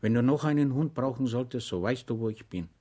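A man reading aloud, voicing an older dog dealer who speaks softly to an old comrade. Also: medium pitch, expressive, brisk, lightly acted. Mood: gentle. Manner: soft-spoken.

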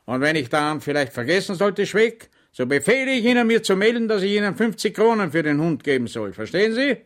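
A man reading aloud, voicing a strict, excitable army lieutenant who gives loud commands. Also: sits high, fairly quick, voice pushed up. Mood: stern, commanding.

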